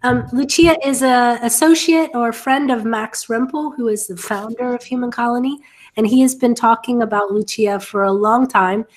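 A woman's voice: a little high, fairly even intonation, moderate pace, poor audio. Short-of-breath woman hosting a webinar. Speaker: webinar host. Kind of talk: casual webinar hosting, announcements. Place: home office, indoors, on a video call.

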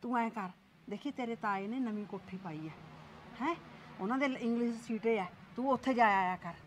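A woman playing a patient, worried village mother-in-law in a Punjabi short film. She soothes and pleads in a slightly high voice. Faint noise sits behind her. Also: normal speed, natural voice. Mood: soothing.

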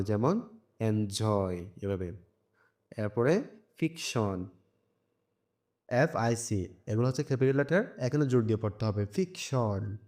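A man with a Bangladeshi accent teaching a primary English lesson, reading English lines slowly and then explaining each one. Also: mid-range voice, darkish tone.

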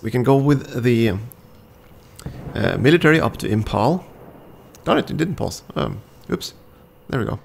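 A man's voice: medium pitch, gravelly. A man hosting a let's play, reading the game's story aloud and chatting casually, often stumbling and restarting on words. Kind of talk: reading game text aloud with casual commentary.

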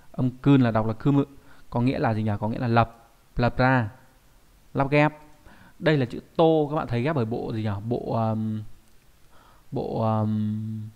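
A man teaching an online kanji lesson. He talks in a chatty way, keeps asking rhetorical questions, and says Japanese words slowly and carefully. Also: medium pitch, mellow.

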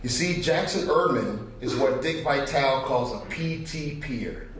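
A middle-aged man, a company manager appearing as guest presenter, gives an award presentation speech to an audience from an auditorium stage via a podium microphone. He sounds folksy, conversational and animated, mid-pitched and a bit bright, at a measured pace. Heard from afar in a very echoey hall with faint noise.

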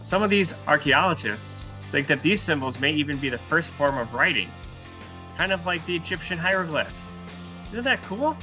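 A man's voice: a little high, animated, moderate pace, over music. A man in his thirties, an art teacher giving an enthusiastic online art lesson to young children. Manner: upbeat, enthusiastic, talks to children. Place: virtual classroom backdrop, indoors.

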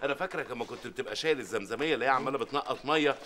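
A man's voice: medium pitch, very fast, sharp tone, natural voice. An actor playing a sarcastic, quarrelsome male café owner who speaks Egyptian Arabic and fires off insults. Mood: mocking.

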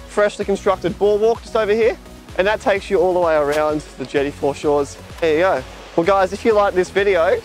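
A young Australian travel vlogger with a high-sitting voice chats casually at a sunny seaside lookout by a jetty and beach, relaxed and full of fillers as he gestures while walking. A camera on a tripod a few metres away films him.

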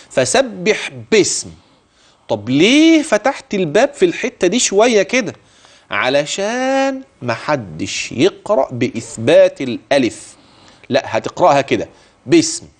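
Man, Egyptian accent, middle-aged, Quran recitation teacher, raised voice, very lively intonation, asks and answers himself. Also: fairly high pitch, slightly rough. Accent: Egyptian Arabic. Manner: lively, answers his own imagined student questions. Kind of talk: tajweed lesson with recited verses.

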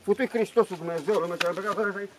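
A man's voice: sits high, background noise. A man telling a rambling story in casual chat, swearing freely, repeating himself and restarting his sentences. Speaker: interviewee.

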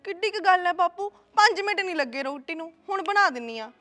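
A woman's voice: extremely high pitch, expressive, quick pace, sharp tone, heavily acted. An actress playing a young village woman who pleads with the man she loves. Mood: coaxing. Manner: pleading, emotional.

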